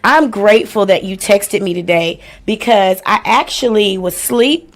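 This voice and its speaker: A livestream host in her forties chats casually at normal speed in a mid-range voice. Between house rules and shout-outs, she's blunt and playful, using slang and swearing freely.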